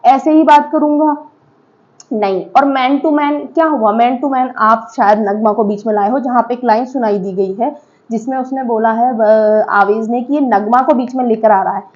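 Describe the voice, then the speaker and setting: Recorded lo-fi, a woman whose voice runs on the high side speaks at a moderate pace with a darkish tone. She delivers casual, emphatic reality show commentary to viewers, slipping in English and checking in with listeners.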